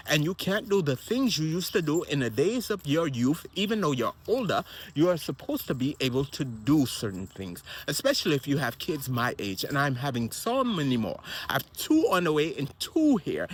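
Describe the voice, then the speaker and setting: A man's voice: fairly high pitch, a bit bright. A man who is a minister, talking in a rambling, repetitive motivational monologue about health and family. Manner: rambling and repetitive, with wandering asides.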